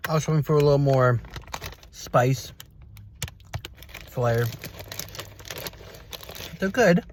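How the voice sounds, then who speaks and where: Slow-paced male food reviewer, lively pitch swings. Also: a little hiss or hum. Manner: halting delivery in short, broken phrases. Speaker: host of food taste test vlog. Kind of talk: casual taste-test review to camera.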